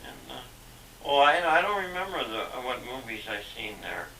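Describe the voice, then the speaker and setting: Older man, gravelly and sharp-toned, halting talker, heard from a distance on a hissy old VHS home video tape. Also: mid-range voice, expressive, echoey room. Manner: halting, with many fillers and restarts. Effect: old VHS home video sound. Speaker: father being interviewed. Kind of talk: reminiscing home interview.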